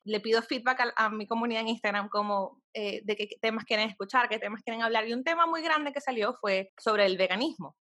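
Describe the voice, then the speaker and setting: High-voiced woman hosting in Spanglish. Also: brisk, hardly any pauses, pushed and bright, no echo, clean studio sound. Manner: Spanglish, dropping English words into Spanish. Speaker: podcast host. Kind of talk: casual, conversational podcast hosting.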